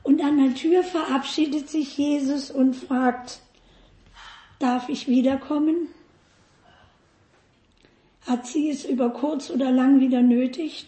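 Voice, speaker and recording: A woman's voice: high-pitched, dark tone, roomy sound. A woman preaching a sermon, often asking the congregation questions.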